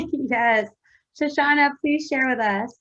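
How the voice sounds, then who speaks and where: A woman's voice: high voice, takes it slowly, a bit bright. A woman moderating a panel in a casual, conversational style. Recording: dull lo-fi call audio.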